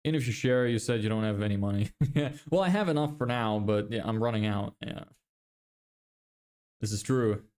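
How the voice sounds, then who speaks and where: A young Lithuanian man with an American-sounding English accent is building a business and livestreaming, reading viewer comments and joking about himself. He is loose and self-deprecating, swears casually and laughs often. His voice is on the low side, expressive, clear and resonant with a darkish tone, at normal speed.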